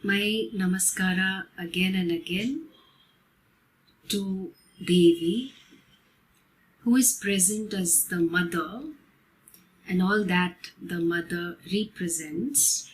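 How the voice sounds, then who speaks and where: A woman spiritual teacher giving a devotional talk at a festival, explaining terms in a measured, gentle way. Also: lowish voice, low-quality recording.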